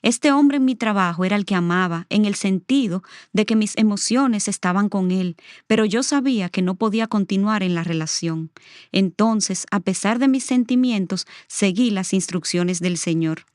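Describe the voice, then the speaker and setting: A woman's voice: medium pitch, moderate pace, darkish tone, dry recording, clean studio sound. A middle-aged woman, a guest on the show, telling a personal testimony in an earnest, reflective way. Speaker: interview guest.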